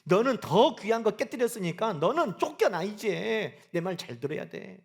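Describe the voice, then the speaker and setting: A man voicing a sly male devil who taunts and accuses in a low, hushed voice during a sermon. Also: very animated, moderate pace, gravelly, full character voice. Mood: taunting.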